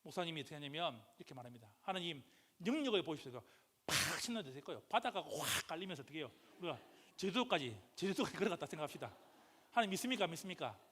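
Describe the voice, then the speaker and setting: A man preaching a sermon as pastor, questioning the congregation call-and-response style and rising to loud, impassioned outbursts. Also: fairly high pitch, sing-song, racing, breathy edge. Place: church sanctuary. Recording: church hall reverb.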